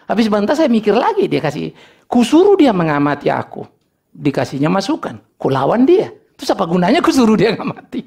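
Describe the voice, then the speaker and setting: A middle-aged man preaching a sermon, telling lively stories about family life and acting out little dialogues with humor. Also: sits high, a little fast, vocal fry, husky. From North Sumatra, Indonesia. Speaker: pastor.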